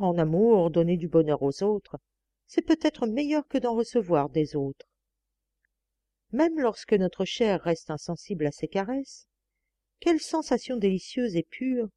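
A woman reads a novel aloud in the first person, slowly and with measured expression. Her tone is mellow and warm. The recording is close and dry, with no room sound. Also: medium pitch, no room sound. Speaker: audiobook reader.

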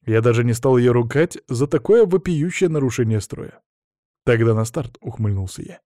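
Guy narrating an audiobook, mellow tone, really animated, dry close sound. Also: medium pitch, brisk, no echo. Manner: wry, lively storytelling. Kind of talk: first-person audiobook narration.

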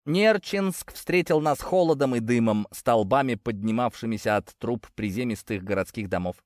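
A man's voice: moderate pace, no room sound, studio quality. A man reading an adventure story aloud as an audiobook narrator, shifting his voice for the characters. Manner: lively, shifts pitch for dialogue.

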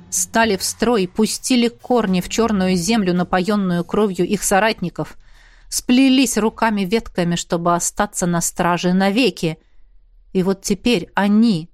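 A woman narrating a fantasy audiobook in a calm, measured storytelling voice. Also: mid-range voice, no room sound, studio quality. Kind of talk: scripted narration.

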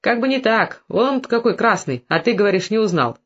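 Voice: mid-range voice, animated, normal speed, a bit bright. Mocking young village man in a storybook, played by an audiobook reader, teasing, grinning, slightly dull recording.

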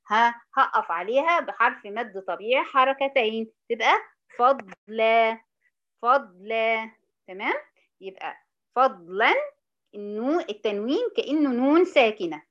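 Egyptian woman teaching recitation, slightly high voice. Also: highs cut off. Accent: Egyptian Arabic. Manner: questioning, drawn-out example words. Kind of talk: informal tajweed lesson.

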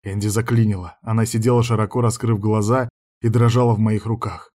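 A man narrating a first-person audiobook in an even, measured voice. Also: fairly low pitch.

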